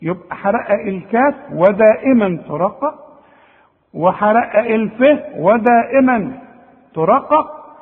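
Egyptian male recitation teacher, husky and high, animated corrections, tinny phone-like audio with hall reverb. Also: unhurried. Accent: Egyptian Arabic. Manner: animated, demonstrates letter sounds, corrects the listener. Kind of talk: colloquial tajweed lesson.

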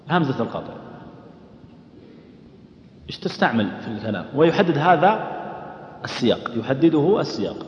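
A man teaching a lesson on recitation rules, often questioning his listeners and chanting short examples. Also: fairly high pitch. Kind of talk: explaining a lesson to a class. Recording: echoey hall, dull lo-fi sound.

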